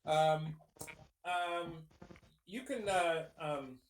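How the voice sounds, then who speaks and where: A man running a tabletop game, talking slowly and hesitantly with lots of ums and restarts. His voice sits a bit high for a man, in an echoey room with faint hiss. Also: far from the mic. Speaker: game master.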